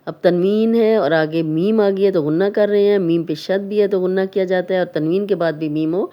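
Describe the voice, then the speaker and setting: A woman with a Pakistani Urdu accent teaching Quran recitation, explaining each rule patiently step by step and drawing out recited words slowly. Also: lowish voice, lo-fi sound. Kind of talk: Urdu tajweed lesson, explaining and demonstrating recitation.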